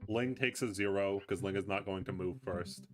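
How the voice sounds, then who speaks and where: A man's voice: low-pitched, normal speed, music in the background. A man running a tabletop game as game master, casually narrating in a rambling, self-interrupting way.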